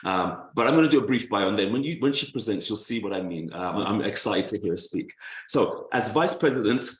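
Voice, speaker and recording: A man's voice: on the low side, expressive, a little fast, reverberant, rough recording. A man, a bit out of breath, introducing a guest speaker in a chatty way over a video call. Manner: chatty, laughs easily, restarts phrases.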